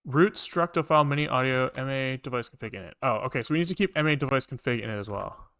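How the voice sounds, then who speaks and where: A fast-talking man with a medium-pitched, fairly bright voice, recorded dry, streams himself programming. His commentary is casual and thought-out-loud, full of muttering, repeated phrases and occasional swearing, with keyboard clicks and typing underneath.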